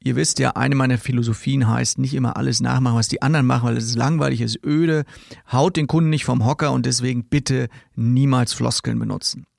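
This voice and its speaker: A male sales trainer talks through his podcast in a loose, direct way, poking fun at tired sales phrases. His voice has a gravelly rasp at mid pitch. The sound is dry and close, with no room around it. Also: fairly even intonation, fast, darkish tone, no echo. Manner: direct, chatty, mocks stock sales phrases with a laugh. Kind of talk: casual podcast monologue.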